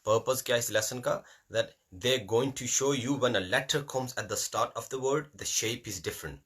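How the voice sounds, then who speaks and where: Husky, bright-toned male Qur'an teacher. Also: mid-range voice, normal speed. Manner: repetitive, drills letters aloud, mixes in Urdu phrases. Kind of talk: classroom lesson.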